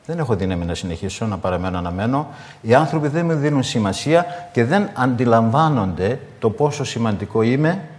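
A sorrowful, wounded candle of love, low and subdued as it burns out, voiced by a man in a sermon. A long reverb trails through the hall. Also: lively intonation, darkish tone, lightly acted.

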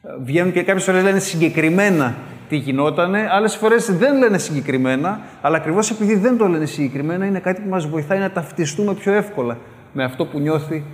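A man preaching a sermon, animated when he calls out his examples and hushed as he moves toward prayer. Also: high-pitched. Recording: echoey hall with long reverb.

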